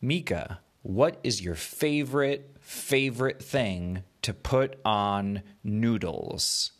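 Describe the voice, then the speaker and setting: A man's voice: lowish voice, lively intonation, slow. A man voicing a friendly, boastful magical narwhal in a children's bedtime story, with a playful showman's manner. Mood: welcoming.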